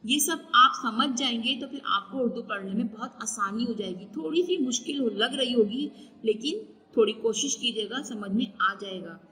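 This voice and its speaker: A woman's voice: on the high side, normal speed, fairly bright tone, big-room sound, low-quality recording. A woman teacher giving a recorded class lesson, patiently spelling out letters and drawing out each sound.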